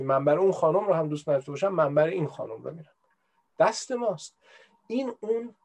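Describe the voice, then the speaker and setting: A man's voice: fairly high pitch, gravelly, darkish tone. A man in casual, reflective explanatory talk, conversational and full of everyday examples. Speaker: speaker on religious practice.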